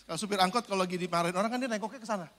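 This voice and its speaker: A high, bright-voiced male pastor preaches in an animated, joking way. He drops from loud preaching into low asides, and his voice rings out with the long echo of a large church hall. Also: very fast. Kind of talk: sermon.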